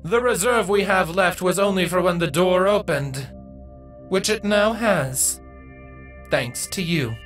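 A regal female changeling queen speaks with measured, courteous poise, as a male narrator raises his voice to play her. Her lines sit well above his plain narrating voice, with a faint bed of music behind. The tone is stately and composed, every word unhurried. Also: high-pitched, fairly bright tone, pitched above the performer's own voice.

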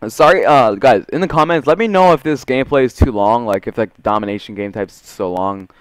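A young man doing casual, profane video game commentary in slangy gamer bro talk, swinging between muttering and excitement. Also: medium pitch, a little fast, clean tone, no echo. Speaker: gaming video creator.

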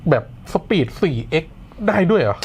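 A man's voice: on the high side, sing-song, fairly quick, darkish tone, a little hiss or hum. A man co-hosting a casual tech news chat, easygoing and agreeable as he reads out new features. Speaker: co-host.

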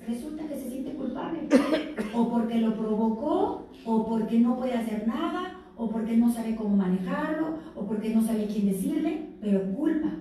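In a very echoey event room, picked up by a distant mic over faint noise, a woman talks informally to teenagers at a health fair. She has a fairly high, mellow voice and a Mexican Spanish accent. Keeping it conversational, she acts out the quoted abusers and victims.

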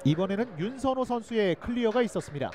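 A man giving live play-by-play football commentary, excitable and shouting out chances. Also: high voice, quick pace, slight background noise.

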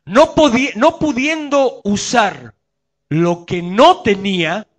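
A man's voice: high voice, lively intonation, slow pace. A male pastor with a Rioplatense Spanish accent preaching a sermon and asking his congregation questions.

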